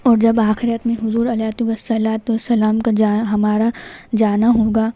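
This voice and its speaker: A woman giving a religious lesson, drawing out each recited word slowly to show the right pronunciation. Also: on the high side, warm tone, no echo. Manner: slow, deliberate drawn-out demonstrations of recited words. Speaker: religious teacher. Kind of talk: instructional talk on prayer pronunciation.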